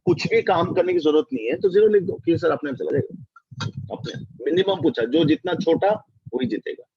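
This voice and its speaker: Husky-voiced man teaching a physics class. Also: sits high, a little fast, no echo. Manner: mixes Hindi and English, quizzes students often. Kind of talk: online class lecture. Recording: dull dry lo-fi mic.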